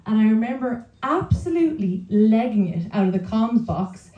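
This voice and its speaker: A woman's voice: a little high, expressive, normal speed, far from the mic, phone-quality sound. A young Irish woman telling personal stories informally to a live audience, chatty and self-deprecating in the manner of an Irish storyteller. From County Laois, Ireland. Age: young adult. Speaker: speaker at a storytelling night. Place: indoor room at a live event. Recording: echoey room.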